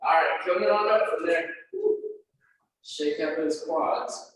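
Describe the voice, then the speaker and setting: A man's voice: on the high side, takes it slowly, fairly bright tone. A man leading a live workout class, counting down reps and calling out encouraging cues. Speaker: fitness instructor. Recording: echoey room, distant mic, faint noise.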